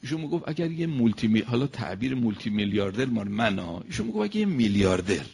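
Guy giving a sermon, husky gravelly voice, swings up and down a lot. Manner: animated, rises and falls in pitch and loudness; addresses listeners directly. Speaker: preacher. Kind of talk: sermon with storytelling.

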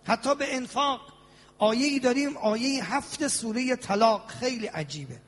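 A man preaching a sermon as a cleric, animated, with drawn-out invocations and sing-song passages. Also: extremely high pitch. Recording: long hall reverb.

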